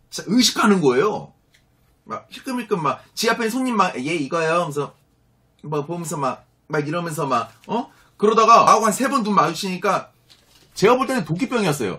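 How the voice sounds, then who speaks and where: Animated husky-voiced man ranting. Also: sits high. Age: 30s. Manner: animated, acts out both sides of the exchange. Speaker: vlogger. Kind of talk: angry storytelling rant to viewers.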